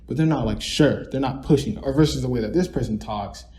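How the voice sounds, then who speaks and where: A man's voice: mid-range voice, brisk, crowd noise. A young man co-hosting a podcast, chatting in a rambling way with lots of fillers and restarts. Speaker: podcast co-host. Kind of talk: casual reflective chat.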